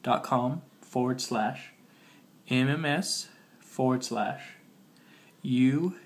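A man who is sick and sounds slightly muffled, giving a casual step-by-step phone tutorial as he works through it and spells things out. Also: mid-range voice. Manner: talking while working on a phone, spelling things out slowly. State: sick with a cold. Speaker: tutorial host.

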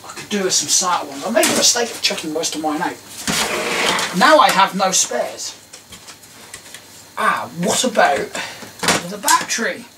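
Muttering casual commentary while repairing old electronics, a middle-aged English video creator keeps questioning himself. His high voice swings widely in pitch at normal speed, with many pauses. The camera mic a little away in a small tiled workshop gives a distant sound, with clear clicks and clatter of tools.

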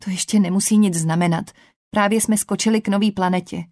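A woman voicing a steady, reassuring teenage boy in an audiobook. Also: mid-range voice, natural voice. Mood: calm. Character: calm teenage boy friend.

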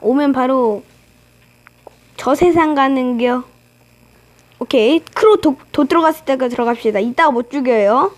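A woman with a high, light voice talks through a match as she plays, cheerfully teasing her opponents. Her delivery is loose and chatty, like live game commentary on her own channel. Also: normal speed, long pauses, low-quality recording. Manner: playful, teasing trash talk at opponents. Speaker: gaming channel host.

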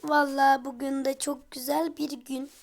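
High-voiced exasperated woman vlogger. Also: little pitch movement, moderate pace. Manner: chatty, exasperated, jokey asides to viewers. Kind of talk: comedic role-play vlog.

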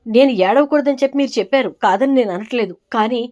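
A woman's voice: on the high side, quick pace, a little mellow, lo-fi sound, natural voice. Tearful apologetic young wife, read by a woman.

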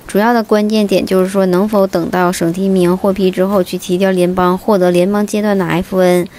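A woman vlogger answering viewer questions in a steady, informative voice-over, linking her points with many small fillers. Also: medium pitch, fairly quick, a little hiss or hum. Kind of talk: casual explanatory voice-over.

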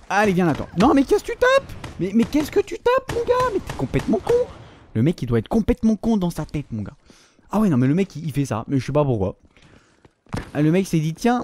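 A man commentating his own shooter gameplay, excitable and swearing often, shouting at opponents. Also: high voice, a little hiss or hum. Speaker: gaming YouTuber.

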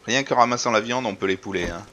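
A man's voice: lowish voice, quick pace, noisy background. A man casually commenting while playing a survival game, muttering and talking to viewers. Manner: chatty, mutters to himself, addresses viewers. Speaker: let's play host.

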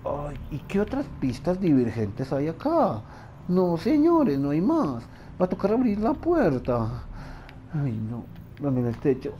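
A man's voice: fairly high pitch, huge pitch swings, unhurried, mellow, highs cut off, a little hiss or hum. A man giving frantic let's-play commentary, talking to himself and repeating words. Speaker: gamer.

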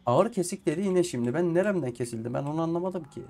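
Man, gameplay commentary, casual, swears often, talks to himself, mellow tone. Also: on the high side, a little hiss or hum. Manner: frustrated, swears at the game often. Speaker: gameplay streamer. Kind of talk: casual let's play commentary.

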